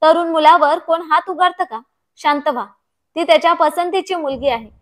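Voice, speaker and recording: A woman voicing an older mother who speaks calmly and firmly. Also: very high-pitched, normal speed. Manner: soothing then firm. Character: older mother, calm, firm and dignified.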